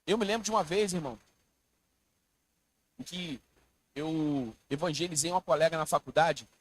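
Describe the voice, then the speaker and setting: A man preaching a sermon as pastor, moving between quiet, hushed storytelling and loud, emphatic declarations. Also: fairly high pitch, moderate pace, rough recording. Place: church.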